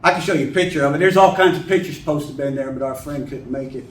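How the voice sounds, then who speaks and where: An older man telling stories to a writers' group in a plain-spoken, animated way. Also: a little high, quick pace, far from the mic. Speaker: author and guest speaker. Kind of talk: folksy storytelling talk to a writers' group. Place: meeting room. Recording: echoey room, mic from afar, faint hiss.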